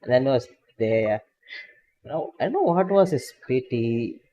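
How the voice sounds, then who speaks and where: Animated yet unhurried, a man with a mellow, medium-pitched voice streams a game as a VTuber, laughing frequently and reacting to game results while chatting casually with a friend. The highs in the audio are cut off.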